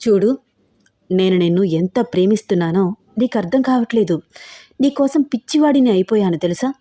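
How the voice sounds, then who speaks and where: Woman doing a possessive male gangster, smooth and wheedling, mellow low-toned voice, audio storybook. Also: normal speed, close to an everyday voice. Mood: obsessive. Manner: smooth, wheedling then threatening.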